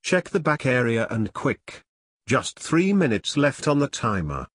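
A man's voice: medium pitch, sing-song, measured pace, fairly bright tone, breathy edge, heavily acted. A man voicing a strong raid leader who barks urgent orders.

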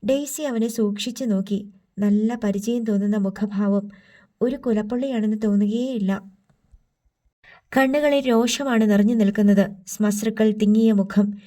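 Mellow-voiced woman audiobook narrator. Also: medium pitch. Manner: measured, even storytelling. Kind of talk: scripted narration. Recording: slightly distant from mic.

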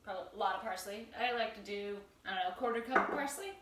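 A woman's voice: mid-range voice, fast, noisy background. Upbeat woman in an echoey kitchen. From Washington State. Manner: chatty and upbeat, talking while cooking. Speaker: cooking show host. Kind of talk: casual cooking tutorial. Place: small home kitchen, indoors. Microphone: camera mic at a distance. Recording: echoey kitchen, distant camera mic.

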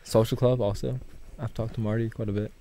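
A young man co-hosting a podcast with a slightly low-pitched voice. He talks in a loose, laid-back way, stringing thoughts together with constant fillers and easy laughter. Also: level tone, brisk, warm tone, a little hiss or hum. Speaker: podcast co-host. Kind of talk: casual chat.

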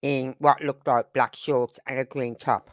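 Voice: mid-range voice, level tone, unhurried, no echo. A host in their fifties giving chatty commentary on a true crime channel, asking rhetorical questions. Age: 50s. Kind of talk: casual commentary.

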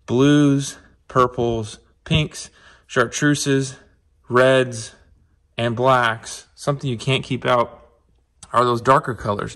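In his shop, a man running a fishing show walks viewers through a tackle tutorial at a tabletop demo, talking to them as "guys" in a casual, upbeat, conversational way. He has a mid-range voice that's a bit bright.

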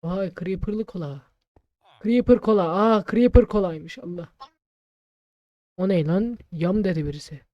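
A man gaming and role-playing, muttering to himself with quick exclamations in casual let's play commentary. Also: high-pitched, no echo, dull audio.

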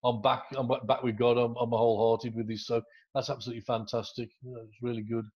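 A man's voice: mid-range voice, flat delivery, quick pace, slightly rough, lo-fi sound. A middle-aged man, a pastor hosting a church interview over a video call with an earphone headset, affirming and encouraging. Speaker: pastor and host. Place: room at home, indoors.

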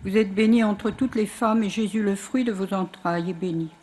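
Female prayer leader, mid register, even recitation trailing softly, outdoor setting. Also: mid-range voice, normal speed, slight background noise.

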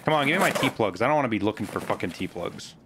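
A man talks himself through a shooter game in a low, gravelly voice, muttering as he loots and letting the odd swear slip. His commentary is casual and offhand. Clear game noise sits under his voice. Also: animated, fast talker. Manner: muttering to himself while looting, occasional swearing. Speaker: gameplay streamer.

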